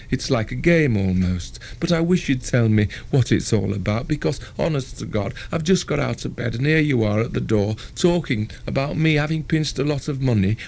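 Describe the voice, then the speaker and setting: Brief: cocky lad, raised and lively, mocking innocence, as read by a man. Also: medium pitch, creaky, voice pushed up. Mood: mock pleading. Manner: quick, mocking, feigned innocence. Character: cocky cheeky teenage working-class lad.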